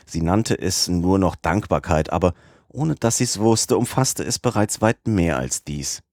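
A male audiobook narrator reading a classic novel in a measured, even way. His voice is deep. The recording is close and dry. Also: dry recording. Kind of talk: scripted narration.

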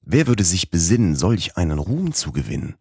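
Male reader playing an eager old scholar in an audiobook: gravelly and husky underneath, lecturing with emphasis. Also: deep voice, very animated, normal speed, a little mellow, dry recording, studio quality, full character voice. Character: stern, excitable old male professor, the uncle. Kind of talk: audiobook character voice.

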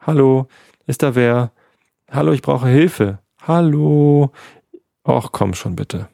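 A man voicing an excitable, indignant male pet rabbit in a bedtime story, with outraged, pleading outbursts. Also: medium pitch, moderate pace, creaky, no echo, clean studio sound, lightly acted.

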